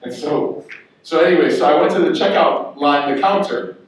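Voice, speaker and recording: A man's voice: a little high, moderate pace. A young man, an imam, giving a Friday sermon in a mosque, telling stories and often asking "right?" to the listeners. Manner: storytelling, acts out quoted voices, asks rhetorical "right?". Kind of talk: sermon with storytelling. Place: mosque prayer hall. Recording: very echoey hall, mic at a distance.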